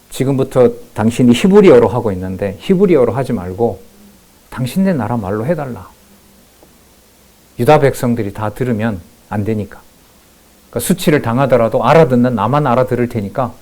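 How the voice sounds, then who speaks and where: A male pastor giving a sermon, moving between calm scripture reading and loud, emphatic remarks. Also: medium pitch.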